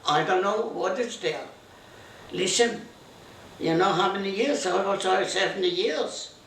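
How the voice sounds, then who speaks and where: A woman, reminiscing in halting, broken English in an interview at home. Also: mid-range voice. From Eastern Europe (now Belarus). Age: 90s. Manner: halting, repetitive, broken English, quotes her husband's words. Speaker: interviewee, grandmother recalling her life. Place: home room in Montreal. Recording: roomy, distant camera mic, faint noise.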